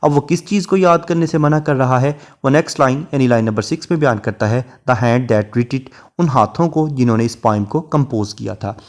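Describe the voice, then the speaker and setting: A man giving a literature lecture, reading English poetry lines very slowly and then explaining them at length in Hindi. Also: medium pitch, darkish tone. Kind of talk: recorded lecture.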